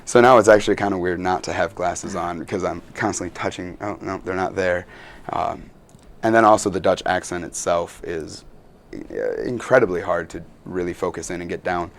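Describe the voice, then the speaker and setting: A man's voice: low voice, moderate pace, vocal fry. A young man, a student actor, answering interview questions in an earnest, rambling way with many fillers.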